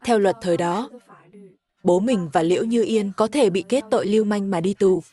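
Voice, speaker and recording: A woman narrating the plot of a comedy cartoon in the first person, with steady, even storytelling. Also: medium pitch, moderate pace. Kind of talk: scripted narration of a cartoon recap.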